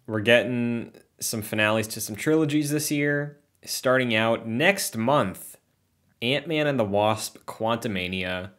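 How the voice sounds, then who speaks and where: A man's voice: mid-range voice, measured pace, fairly bright tone. A young man co-hosting a podcast, talking in a chatty, wry way. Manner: chatty and wry, often laughing. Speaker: podcast co-host. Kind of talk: casual chat.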